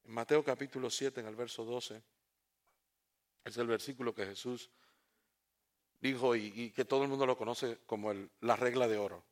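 A man preaching a sermon, swinging from hushed tones to shouts and asking the congregation rhetorical questions. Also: medium pitch, steady tone, normal speed, long pauses.

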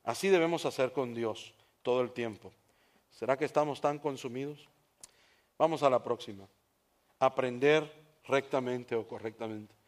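A man preaching a sermon, animated and storytelling, building to emphatic peaks. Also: medium pitch, moderate pace, long pauses. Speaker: pastor.

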